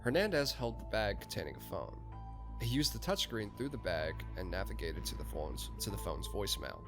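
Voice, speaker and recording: A man's voice: fairly low pitch, very animated, a little fast, music in the background. Man narrating a first-person story. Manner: laughs and swears freely in chat. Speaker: podcast host and narrator.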